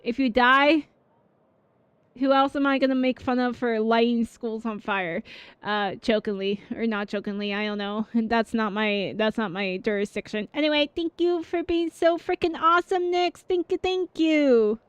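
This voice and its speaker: A woman's voice: on the high side, normal speed, smooth, no echo. A woman streamer chatting casually on a gaming livestream, rambling and filler-heavy as she reacts to her viewers.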